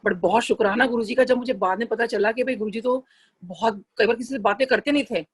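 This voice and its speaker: Husky-voiced woman sharing a devotional story. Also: fairly high pitch, quick pace. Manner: chatty and earnest, mixing in English phrases, with frequent restarts. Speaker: satsang devotee sharing a personal experience. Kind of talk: casual spoken testimony.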